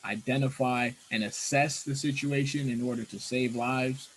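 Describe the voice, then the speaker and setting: A man, a guest who counsels at a college, explaining something earnestly and in a measured way. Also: mid-range voice, fairly even intonation, a little hiss or hum, rough recording.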